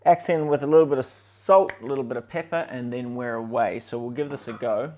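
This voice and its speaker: A man hosting a casual cooking vlog, tasting dishes and talking with relaxed enthusiasm and plenty of fillers. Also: medium pitch, a little fast. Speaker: cooking channel host.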